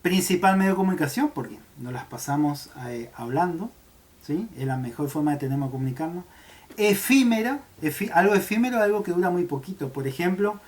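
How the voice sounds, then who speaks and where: A man's voice: high-pitched, animated, brisk. Man, teacher recording an explanatory class, checks in often with his students. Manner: checks understanding with frequent "¿sí?", gestures while talking.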